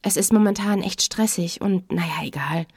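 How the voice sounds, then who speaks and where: A woman's voice: fairly low pitch, normal speed, darkish tone, slightly rough, no room sound, clean studio sound. A woman voicing a stressed, ashamed young woman who gives short, hesitant answers in a storybook reading. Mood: evasive. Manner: hesitant and clipped.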